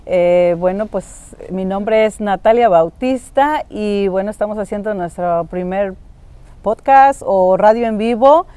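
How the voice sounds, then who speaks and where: A woman from Oaxaca hosting a community podcast, interviewing guests in an unhurried way with frequent fillers. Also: mid-range voice, smooth, dry recording. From San Juan Mixtepec, Oaxaca, Mexico. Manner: warm, unhurried, with fillers like "este" and "pues". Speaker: podcast host.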